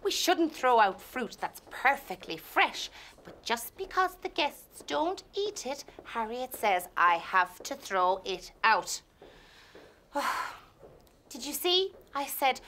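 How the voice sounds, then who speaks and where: An actress playing a put-upon hotel worker who complains chattily about throwing out food in a scripted comic sketch. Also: female voice, high-pitched, a bit bright, full character voice.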